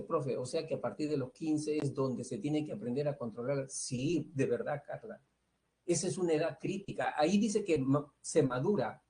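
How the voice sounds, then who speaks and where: A man's voice: a little high, warm tone. Peruvian man teaching psychology. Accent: Peruvian Spanish. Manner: explanatory, tags nearly every phrase with a questioning "¿no?"; fills pauses with "este" and "eh". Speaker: pre-university psychology teacher. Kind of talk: online lecture to students.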